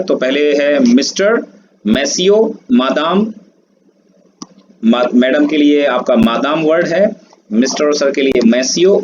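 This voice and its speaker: A man teaches a screen-based language lesson, spelling words out letter by letter and drawing out pronunciations. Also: a little high. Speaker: French teacher. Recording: dull lo-fi audio, steady background noise.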